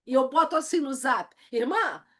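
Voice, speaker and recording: A woman's voice: high-pitched, expressive, slow pace, a bit bright. A Brazilian woman teaching a recorded Bible lesson, emphatic and acting out the lines she quotes. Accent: Brazilian Portuguese. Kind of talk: recorded church video lesson.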